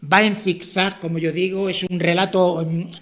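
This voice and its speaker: A man's voice: high voice, level tone, moderate pace, a bit bright. A man from La Mancha in Spain, an author giving an informal, rambling talk at his book presentation, with frequent restarts and tag questions.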